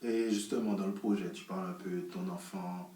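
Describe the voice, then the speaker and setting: Distant low-voiced host in a roomy space. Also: male voice, fairly quick. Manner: relaxed, prompting, brief backchannels. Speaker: interviewer, host. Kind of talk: casual interview questions. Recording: roomy echo, distant from mic.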